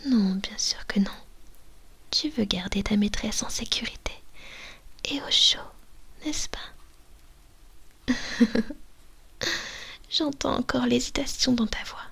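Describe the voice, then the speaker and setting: A woman performs a heavily acted ASMR roleplay as a domineering, possessive female vampire mistress, whispering most of the time while she coaxes and issues commands into a binaural mic. Her voice is slightly high, creaky, a bit bright and slightly rough.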